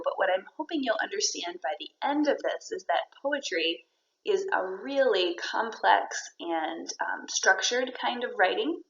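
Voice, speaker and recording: A woman teacher leads a recorded poetry lesson in class, explaining step by step and encouraging her students. Her medium-pitched voice is a bit bright, and the recording sounds roomy, dull and lo-fi.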